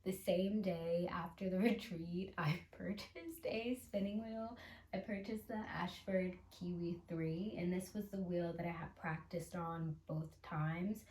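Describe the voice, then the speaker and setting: A woman hosting a casual show-and-tell vlog, chatty and unhurried, with soft laughs and fillers. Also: on the low side, steady tone, echoey room. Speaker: channel host.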